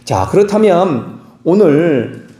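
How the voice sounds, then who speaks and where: A man's voice: fairly high pitch, big pitch swings, slow, dark tone, roomy sound. A Korean man preaching a sermon as pastor, acting out quoted dialogue with dramatic swings. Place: church sanctuary.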